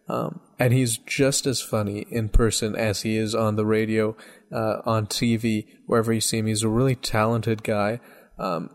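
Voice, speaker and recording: A man hosting a radio variety show, giving rambling, chatty introductions. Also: lowish voice.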